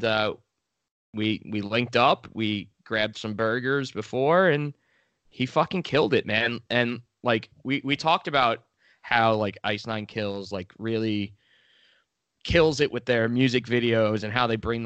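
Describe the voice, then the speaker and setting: A man co-hosting a podcast in casual chat, excited and swearing a lot. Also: lowish voice, no echo. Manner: enthusiastic, swears a lot, says dude. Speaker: podcast co-host.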